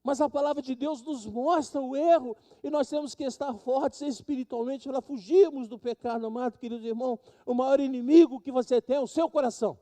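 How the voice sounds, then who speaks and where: A man's voice: very high-pitched, brisk, few pauses, mellow. A Brazilian pastor preaching a sermon, who acts out the people in his stories with dramatic swings of voice. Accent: Brazilian Portuguese. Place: church sanctuary.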